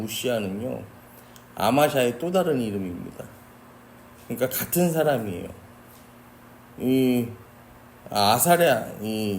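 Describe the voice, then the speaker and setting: A man's voice: medium pitch, a little mellow, a little hiss or hum. A man preaching a sermon as pastor, earnest and often addressing the congregation directly. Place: church sanctuary.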